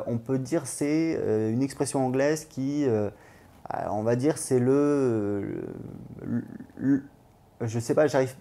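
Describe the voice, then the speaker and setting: Man, vlog host, casual rambling talk, lots of fillers, enthusiastic, mellow tone. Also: mid-range voice. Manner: rambling, full of hesitations and fillers; enthusiastic, recommending. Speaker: language-learning channel host.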